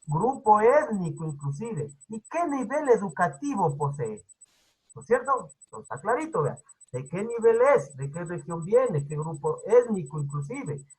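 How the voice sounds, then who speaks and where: A teacher with a Quito highland accent, giving an online class lecture and explaining patiently while constantly checking in with the students. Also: a bit bright, slightly rough, low-quality recording. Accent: Quito highland Spanish. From Ecuador.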